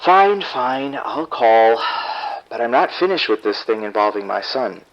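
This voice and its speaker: Speaking at a somewhat slow pace with big swings around a medium pitch, a man acts the part of an exasperated caller in an audio drama. His character, a proud husband and father, is irritated and talks to the police by phone in a curt, defensive way. The line sounds dull.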